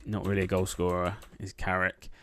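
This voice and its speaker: A man's voice: low-pitched, monotone, a little fast. A man playing an online quiz, thinking aloud and muttering guesses with frequent ums. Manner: muttering names half to himself, lots of ums. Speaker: quiz gameplay streamer. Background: keyboard typing.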